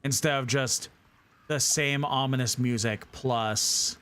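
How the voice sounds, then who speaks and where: A man streaming a horror game, chatting in a relaxed, casual way and reading viewer messages aloud. His voice sits at a medium pitch with a little faint noise underneath. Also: takes it slowly. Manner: relaxed, chatty, swears, reads chat aloud.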